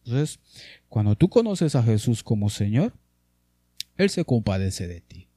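A man preaching a sermon, calling his listeners brother, his voice rising high and dropping low for emphasis. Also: a little slow, husky, dry recording, studio quality. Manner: addresses listeners as brother, lively swings in pitch.

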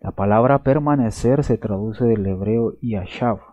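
In a dull, dry recording, a pastor with a fairly low, mellow voice preaches without hurry. Earnest and repetitive, he keeps checking in with the congregation through questioning asides, in a church or teaching setting that uses slides.

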